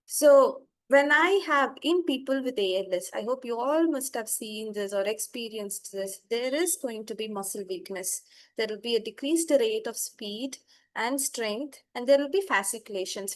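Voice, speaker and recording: A young woman speech-language pathologist, giving an explanatory online lecture over a video call and pausing often with "uh". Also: a little high. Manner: explanatory, steady teaching tone with frequent "uh" hesitations. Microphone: video call microphone.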